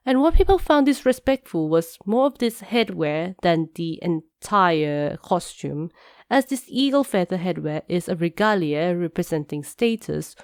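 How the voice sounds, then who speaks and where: A woman's voice: fairly low pitch, darkish tone, no echo, studio quality. Congested nasal-voiced woman explaining. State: congested from a cold. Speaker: video creator. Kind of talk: scripted explainer talk.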